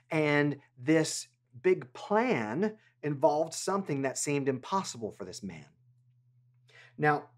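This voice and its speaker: A man teaching a Bible lesson for children, talking in an animated, playful way and acting out the story as he goes. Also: fairly high pitch.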